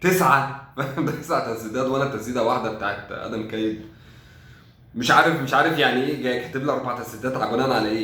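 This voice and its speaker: Egyptian-accented young male fan, exasperated and sarcastic, rapid casual match recap in a roomy space. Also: mid-range voice, a bit bright, a little hiss or hum. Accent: Egyptian Arabic. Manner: sarcastic, exasperated, thinks aloud. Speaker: football fan commentator.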